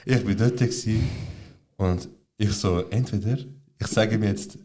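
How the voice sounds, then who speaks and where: A young man with a lowish voice co-hosts a casual podcast. He tells stories with lots of slang and swearing. He acts out the dialogue himself. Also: unhurried. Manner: slangy, swearing, animated retelling with quoted dialogue. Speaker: podcast co-host. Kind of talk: casual chat, storytelling.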